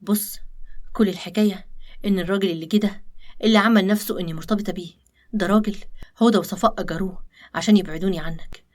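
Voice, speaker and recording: Pushy egyptian girl pleading her case in a cartoon story, woman doing it, super fast talker. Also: medium pitch, fairly even intonation, darkish tone, close to an everyday voice. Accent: Egyptian Arabic. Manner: insistent, pleading. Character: scheming young woman in love, pleading.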